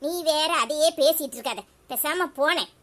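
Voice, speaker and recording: A woman's voice: high voice, moderate pace, fairly bright tone. A woman with a Tirunelveli Tamil accent voicing a stubborn young married woman in a cartoon, speaking curtly and defiantly. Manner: curt, defiant.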